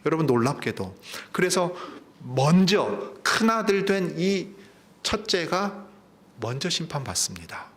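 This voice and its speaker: A man's voice: a little high, sing-song, unhurried, a bit bright. A man, a pastor, preaching a Sunday sermon, retelling a parable with questions to the congregation. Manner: storytelling preaching with asides to the congregation.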